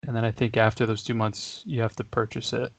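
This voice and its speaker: A man's voice: medium pitch, level tone, fairly quick, creaky, no room sound. A man co-hosting a casual podcast, talking in a laid-back, rambling way and chuckling often. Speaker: podcast co-host. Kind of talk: casual chat.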